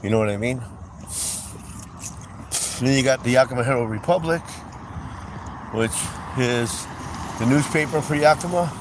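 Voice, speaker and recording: A middle-aged man rambles casually into a phone, filling his talk with "anyway" and "um." He talks from inside a car on city streets. Traffic and street noise come through clearly. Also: mid-range voice, moderate pace, pauses often. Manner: rambling, chatty, with frequent "anyway" and "um". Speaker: livestream host. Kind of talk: casual storytelling while driving. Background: traffic and city ambience.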